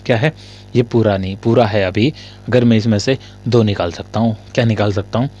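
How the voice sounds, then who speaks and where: A man teaches a casual grammar lesson at a writing board in a somewhat low voice. He fires a short question at his students and then answers it himself, and he coughs and clears his throat between lines. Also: a little fast, warm tone.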